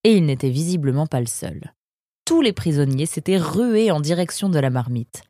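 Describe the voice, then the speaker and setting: A woman reading a storybook narration in a calm, measured way. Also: low-pitched, dry recording, clean studio sound. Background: soft guitar music.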